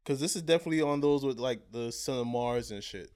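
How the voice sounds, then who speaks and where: A man's voice: mid-range voice, fast talker, darkish tone, smooth. A man co-hosting a podcast, chatting casually and hesitantly, searching for his words.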